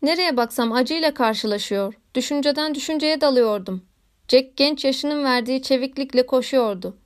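Woman narrator, audiobook of a classic novel, measured literary reading, high voice. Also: clean tone. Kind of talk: scripted narration.

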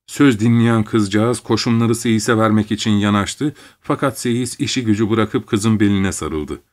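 A man narrating a literary story in the first person, reading at a measured pace. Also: lowish voice.

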